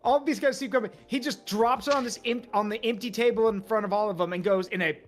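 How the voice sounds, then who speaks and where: A streamer telling a long story in casual chat, animated and laughing often. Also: mid-range voice, quick pace, soft background music. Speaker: streamer guest.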